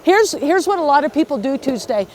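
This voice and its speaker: With big pitch swings and a slightly fast delivery, a high-voiced woman coaches beginner skiers outdoors one step at a time. She's encouraging and constantly checks in with "okay" and "right," against faint background noise.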